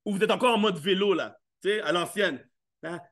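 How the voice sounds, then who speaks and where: A man's voice: sits high, a little fast, a bit bright. A man giving a live motivational talk, playful and interactive, firing questions at the audience and acting out little scenes. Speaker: motivational speaker. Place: live event stage.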